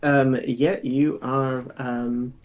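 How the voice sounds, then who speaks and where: A man running a tabletop game as game master, brisk and quick to laugh. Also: mid-range voice, level tone, muffled recording, crowd noise.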